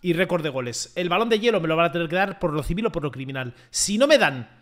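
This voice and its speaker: A young man doing loud, joking gameplay commentary and swearing freely. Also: on the high side, expressive, fast talker. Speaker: gaming YouTuber.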